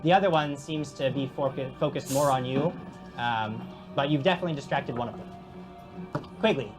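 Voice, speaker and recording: A man's voice: medium pitch, moderate pace, music in the background. A man running a tabletop game as game master and patiently explaining the rules.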